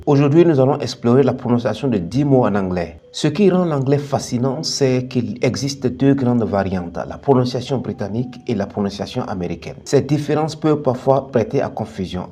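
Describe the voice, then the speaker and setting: A man hosting a bilingual English lesson, explaining pronunciation and slowly modelling word pairs one after another. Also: medium pitch, dark tone. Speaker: English teacher, channel host.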